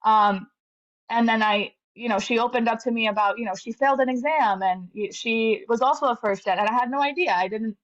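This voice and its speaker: Speaking briskly in a fairly high voice, this medical graduate in her thirties reflects earnestly on her story as an interview guest. Her speech is full of fillers and restarts, and the lo-fi recording comes across slightly dull.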